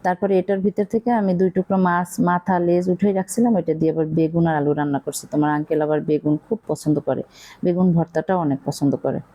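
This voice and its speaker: A woman's voice: lowish voice, fairly even intonation, fast talker, mellow. A middle-aged woman with a Barishal accent who chats casually while cooking, rambling and confiding, with many fillers. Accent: Barishal Bengali. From Bangladesh. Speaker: cooking vlogger.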